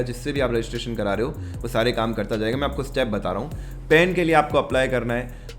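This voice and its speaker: A man explaining, step by step, over faint music. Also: medium pitch. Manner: explains step by step in a mix of Hindi and English. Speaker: host. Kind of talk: explainer interview.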